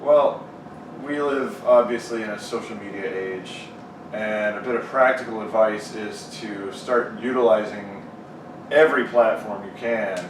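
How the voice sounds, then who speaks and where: Earnest low-voiced Texan musician. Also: male voice, measured pace. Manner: earnest, giving advice. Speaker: band member, guest. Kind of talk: casual chat. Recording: echoey room, distant mic, noisy.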